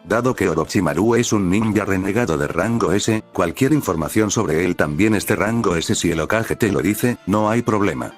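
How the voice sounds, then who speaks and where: Man voicing a cool teen ninja boy, self-assured, slightly raised pitch, low voice underneath. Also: normal speed, hardly any pauses, soft background music, close to an everyday voice. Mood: firm.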